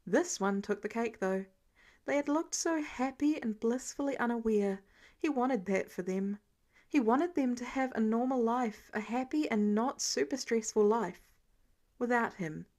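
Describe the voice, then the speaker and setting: Narrating fan fiction as a podfic reader would, this woman uses an expressive storytelling style while following a script. Her voice is fairly high, and she takes an unhurried pace.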